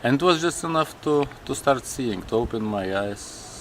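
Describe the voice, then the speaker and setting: A man from Lithuania with a Lithuanian accent, a native Lithuanian speaker, telling his story in an interview in slow, halting English full of restarts. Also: medium pitch, animated, a bit bright, slight background noise. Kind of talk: personal interview.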